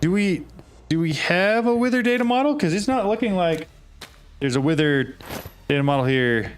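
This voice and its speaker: A man's voice: high-pitched, animated, normal speed, a little hiss or hum. A man streaming a game, thinking aloud in casual talk and often asking puzzled questions. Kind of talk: casual live gameplay talk.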